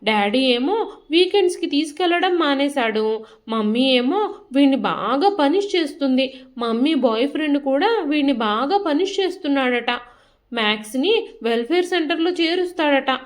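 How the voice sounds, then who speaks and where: A tearful, anxious little boy in a storybook, pleading in a childlike, high voice, as a woman puts him on. His lines come with a wobble of worry. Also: lively intonation, normal speed.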